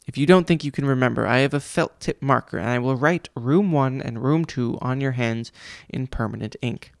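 In a clean studio recording with no echo, a man speaks at medium pitch and a moderate pace, with vocal fry and a natural-sounding voice. For a children's storybook, he plays a pompous, cruel male vice principal who calls himself a genius. He scolds pompously, with a condescending, mocking manner.

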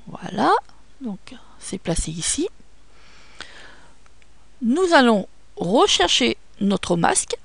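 A woman with a French accent guiding viewers step by step through photo editing software, patient and hesitant, with many fillers. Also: on the high side, sing-song, takes it slowly, creaky, pauses often, no room sound. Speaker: software tutorial presenter. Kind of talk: screen-recorded photo editing tutorial.

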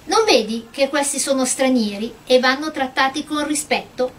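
A woman reading aloud and voicing a delicate, proud young porcelain princess in a storybook, with a high, breathless, pleading voice. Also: normal speed, a bit bright. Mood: prim, wistful.

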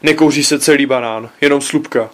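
A man reading aloud voices a suspicious, excitable father who raises his voice in indignant outbursts. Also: mid-range voice, natural voice. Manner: loud, indignant, shouting outbursts.

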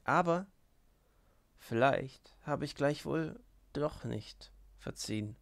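A stormy, passionate young woman from a classic novel, spoken by a male reader with a gravelly voice who barely shifts it. she broods and taunts by turns, in a measured audiobook delivery. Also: medium pitch, close to an everyday voice.

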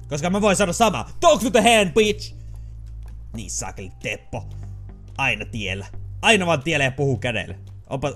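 A man giving casual, excitable commentary while playing a video game, swearing, yelping and slipping into English phrases. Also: a little high. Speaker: let's play gamer.

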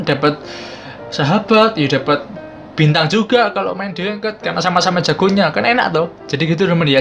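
A man's voice: a little high, a bit bright. Young man with unclear r and l. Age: 20s. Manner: chatty, informal, addresses viewers as friends. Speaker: gaming YouTuber. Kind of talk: casual explainer to camera. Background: background music.

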